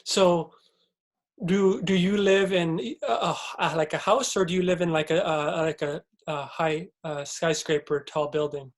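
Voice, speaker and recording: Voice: medium pitch, steady tone, measured pace. A friendly interviewer who asks questions casually. He stumbles and repeats words as he thinks, keeping the tone easy and open.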